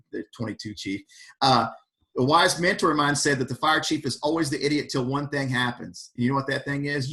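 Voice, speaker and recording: A man leading an online fire service workshop over a video call, speaking with energy and calling on attendees by name. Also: medium pitch. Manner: animated, questions the audience by name. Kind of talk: energetic motivational talk.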